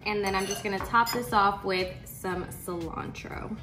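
A woman hosting a casual home cooking vlog, chatty and excited, tasting and explaining as she goes. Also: mid-range voice, a little slow. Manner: excited, chatty, lots of mm sounds. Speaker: cooking channel host. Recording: roomy room with background music.

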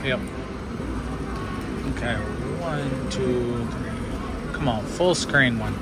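Speaking very slowly in a mid-range voice, this slot machine vlogger coaches a friend through the game with short bursts of casual commentary, counting along and egging it on. The setting is an indoor casino floor at a slot machine, and heavy background noise comes from the loud machine music of the busy casino.

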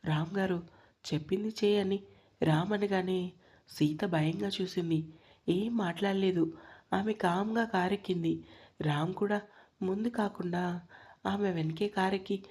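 Female storyteller for an audio drama: a soft, husky voice with a steady, even reading manner. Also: medium pitch, measured pace, long pauses. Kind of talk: storytelling narration.

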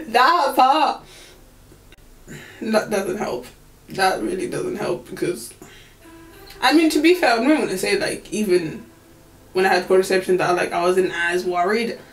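In a small room indoors, a 24-year-old vlogger talks candidly to a camera on a tripod, with many fillers and regular laughs. Her medium voice is a little slow with long pauses, over faint background music, and the poor audio sounds roomy.

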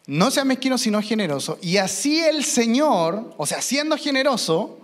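A man, preaching a sermon as pastor, emphatic and slowing down for key phrases. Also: very high-pitched, big pitch swings. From Chile. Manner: emphatic, slows down for key phrases, mimics children. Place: church.

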